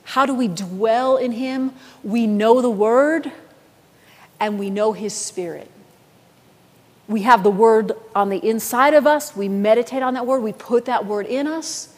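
A woman pastor delivers a sermon with a high, bright-pitched voice. She speaks slowly and leans into storytelling, growing animated as she recounts an anecdote. Her voice carries a long reverb from the church hall. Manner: storytelling preacher, lively when recounting a story.

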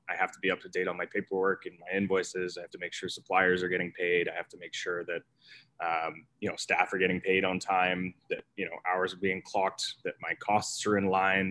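A man's voice: low voice, fairly bright tone. A man, an executive chef, talking casually and rambling with many fillers and restarts. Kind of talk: casual conversational storytelling.

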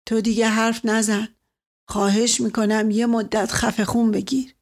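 A bitter, irritable old colonel, read by a woman narrator in an audiobook, short-tempered and curt, his words sour and clipped. The voice sits fairly high for the part. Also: little pitch movement. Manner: curt, sour, spoken quietly. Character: bitter, irritable older male colonel, a father. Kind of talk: audiobook character voice.

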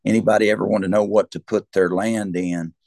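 A man with a low, creaky voice and a country Southern American accent. He talks like a rancher explaining his work, rambling and doubling back on his words. The sound is close and dry. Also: steady tone, fairly quick, a little mellow, dry recording. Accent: Southern US rural. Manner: folksy, rambling, repeats words and restarts often. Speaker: cattle rancher, interview guest. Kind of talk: conversational explanation.

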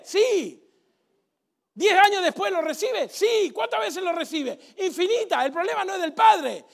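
A man delivers a sermon in a strikingly high voice with a rough, gravelly edge. He preaches with animated sarcasm and gets the congregation to repeat phrases back to him. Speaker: pastor.

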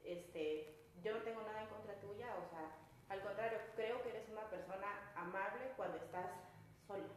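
A woman's voice: medium pitch, moderate pace. Blunt, apologetic woman, echoey room. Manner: frank, blunt yet apologetic, detailed recounting. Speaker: employee. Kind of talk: explaining and apologizing in a staff meeting. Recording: echoey room, mic far off, faint noise.

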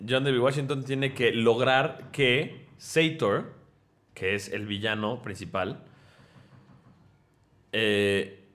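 A man's voice: mid-range voice, slow, pauses often. Easygoing Mexican man recapping a film. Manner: relaxed, swears casually, recaps the plot. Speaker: podcast co-host. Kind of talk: casual film chat.

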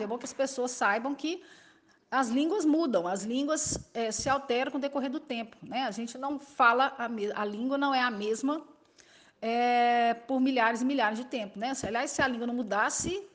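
A middle-aged woman with a Belo Horizonte accent, a linguistics professor explaining a point in an interview, didactic and often checking in with tag questions. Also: on the high side. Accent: Belo Horizonte Brazilian Portuguese. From Belo Horizonte, Brazil. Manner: didactic, frequent "né?" tags, self-correcting.

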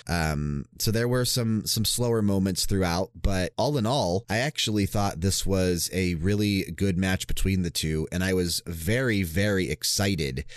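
A man co-hosting a podcast in casual chat, animated, teasing and swearing freely. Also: sits low, unhurried, hardly any pauses, no room sound, studio quality. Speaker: podcast co-host.

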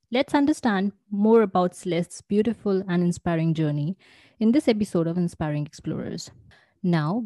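A woman's voice: lowish voice, dark tone, dry recording. A woman hosting a podcast, reading an upbeat scripted intro and then chatting with her guest. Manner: upbeat and promotional, with "uh" fillers when unscripted. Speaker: podcast host.

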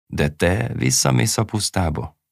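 A man's voice: on the low side, lively intonation, gravelly, dry recording, studio quality, voice pushed up, exaggerated voice. A man voicing a greedy, gloomy male priest in an audiobook story, haggling and dour.

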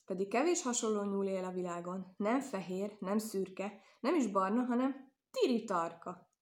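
A woman's voice: mid-range voice, lightly acted. A woman reading aloud and voicing a sly, well-mannered male rabbit with a polite, playful manner.

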